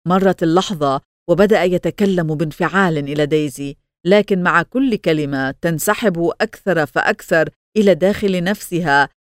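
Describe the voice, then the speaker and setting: A woman narrating a novel as an audiobook in a measured, steady reading. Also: lowish voice, no echo, studio quality. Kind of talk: scripted narration.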